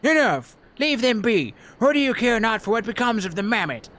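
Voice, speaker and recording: A man's voice: very high voice, very animated, normal speed, a bit bright, heavily acted. A man voicing a stern, commanding elder from a video game, reading the dialogue theatrically.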